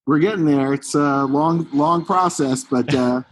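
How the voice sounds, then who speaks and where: A man from Connecticut, a podcast guest who talks in a relaxed, rambling way. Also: on the high side, a little slow, slight background noise. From Connecticut, USA. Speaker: guest, fitness coach. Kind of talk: podcast interview.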